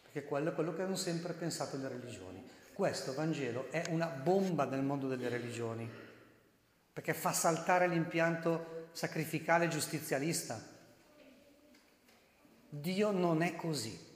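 A priest giving an animated sermon, breaking into loud, emphatic bursts and asking his listeners direct questions. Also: a little high, moderate pace. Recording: echoey hall with long reverb.

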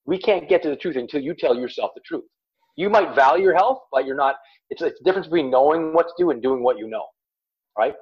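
A man's voice: on the high side, animated, fast, breathy edge, dull audio. A man speaking as a life coach in a podcast chat, emphatic and repeating words as he makes his points. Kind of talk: podcast guest talk.

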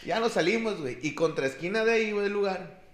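A man's voice: high voice, fast, fairly bright tone, roomy sound. A man in his twenties with a Mexican Spanish accent, telling a story in casual chat, slangy, with a filler in every phrase. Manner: slangy, peppers every phrase with a filler, acts out voices in quotes.

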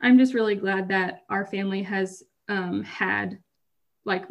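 A woman's voice: mid-range voice, steady tone, unhurried. A woman co-hosting a podcast, talking casually in a rambling way, often cutting herself off and laughing through hard stories. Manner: rambling, self-interrupting, laughs while telling hard stories. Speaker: podcast co-host.

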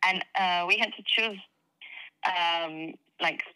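A woman's voice: fairly low pitch, slow pace, bright, forceful tone, smooth, rough recording. Croatian-accented young woman, hesitant. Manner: hesitant, many fillers, laughs easily. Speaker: guest actress. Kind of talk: casual interview chat.

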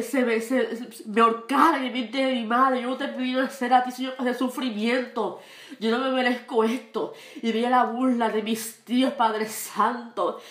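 High-voiced woman giving halting testimony. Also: roomy sound. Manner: halting, many repeated words and fillers; rises high and loud when reliving fear. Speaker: testifying believer. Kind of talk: emotional religious testimony.

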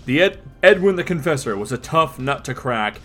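A man's voice: mid-range voice, animated, moderate pace, a bit bright. A man co-hosting a podcast, casually recapping and narrating a comic. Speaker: podcast co-host.

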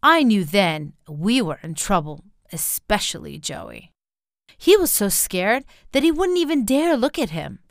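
A woman reads a dramatic first-person story with lively, swinging intonation. The sound is dry and close, with no room around her voice. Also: mid-range voice, a little slow, no echo. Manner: expressive storytelling, acting out quotes. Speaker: narrator. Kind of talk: scripted story narration.

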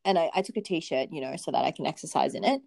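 A woman's voice: low-pitched, quick pace, gravelly. A young woman, casually telling a dramatic anecdote in a chatty podcast, with lots of "like" fillers. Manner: animated storyteller, frequent "like" fillers. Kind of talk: casual chat.

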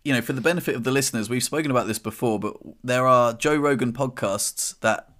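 A man co-hosting a podcast, chatting casually and telling lively stories full of acted-out quotes. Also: medium pitch, fast talker. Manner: animated storyteller who acts out quotes. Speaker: podcast co-host. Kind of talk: casual chat.

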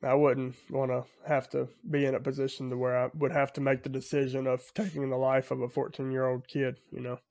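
A man co-hosting a casual podcast chat, speaking haltingly with many fillers. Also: medium pitch, level tone, vocal fry, darkish tone, no echo. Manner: halting, leans on fillers like "you know". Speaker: podcast co-host.

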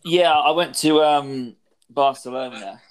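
A young man telling personal anecdotes in a casual, halting way. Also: mid-range voice. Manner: hesitant, halting delivery. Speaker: podcast speaker.

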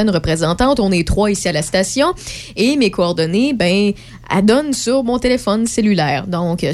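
A woman's voice: mid-range voice, darkish tone. Woman, Québécois accent, radio host, casual studio chat, rambling, many fillers, mid-range voice. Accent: Québécois French. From Quebec.

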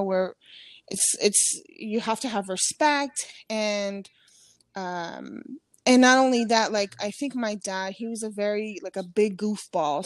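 A chatty Ecuadorian comedian in her thirties talks casually as an interview guest, full of fillers and restarts. Her voice is medium-pitched, with no room sound.

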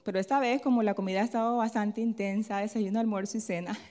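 A woman preaching a sermon who keeps asking questions, answers them herself and tags her lines with a quick "¿sí?". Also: mid-range voice, steady tone. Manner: tells a personal story in a softer, chatty tone. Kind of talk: sermon with call-and-response questions. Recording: long hall reverb.

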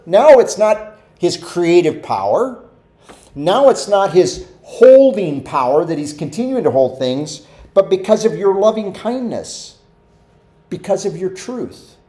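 A man's voice: high-pitched, dark tone, echoey room. A man preaching a conversational sermon as pastor, acting out quoted voices as he teaches. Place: church sanctuary.

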